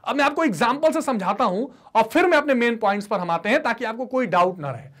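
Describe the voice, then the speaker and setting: Male teacher with a lively, swooping delivery. He works in call-and-response, has students repeat key terms, and answers for them himself. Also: very high-pitched, quick pace. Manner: voices students' replies to himself; mixes English terms into his explanation. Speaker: economics teacher. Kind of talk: online classroom lecture.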